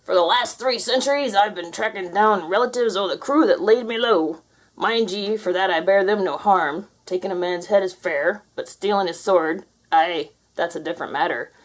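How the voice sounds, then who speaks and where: A woman voicing a vengeful male pirate ghost as a storybook character, growling and booming in pirate dialect. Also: normal speed, close to an everyday voice, low-quality recording.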